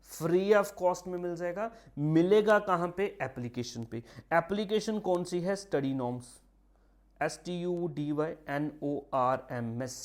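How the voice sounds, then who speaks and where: A man teaching a geography lesson for exam prep, repeating key names slowly and slipping in English phrases. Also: on the high side, a little mellow. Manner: repeats key terms, mixes English phrases, frequent "ठीक है"; drawn-out slow emphasis on names, quick asides. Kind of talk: online geography lecture.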